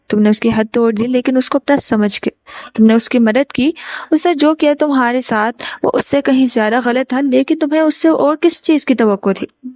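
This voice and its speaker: A woman voicing a composed, firm woman psychologist in a spoken novel reading, speaking with professional calm. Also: sits high, dry recording, natural voice.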